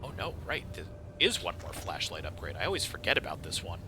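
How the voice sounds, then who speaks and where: A man's voice: low voice, sing-song, quick pace. A man casually commenting while he plays a horror game, chatty and prone to startled outbursts. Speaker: streamer playing a horror game. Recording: loud game soundtrack behind the voice. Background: loud game music.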